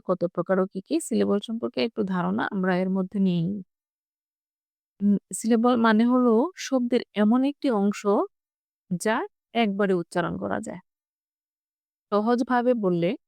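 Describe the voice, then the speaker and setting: A woman teaches a children's English lesson at a very unhurried pace, saying each word carefully and sounding out its syllables. Her voice sits at an ordinary middle pitch. The recording is close and dry, with no room sound. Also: gravelly, darkish tone, no echo. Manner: slow and deliberate, breaking words into syllables. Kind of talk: slow classroom lesson explaining words and syllables.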